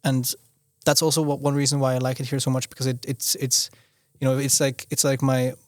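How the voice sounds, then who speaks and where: In studio-quality audio with no room sound, a young man from Austria chats as a podcast guest in a casual interview. His medium-pitched voice stays level and fairly quick, and he keeps restarting his sentences and relying on "you know."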